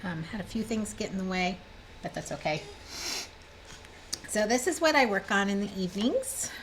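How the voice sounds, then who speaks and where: Speaking at normal speed in a mid-range voice with lively intonation, a woman in her fifties shows her cross-stitch projects during a casual, rambling chat at home. She's a designer and vlogger, cheerful though slightly stuffed up, surrounded by bookshelves. The recording is low quality, with a faint hiss or hum.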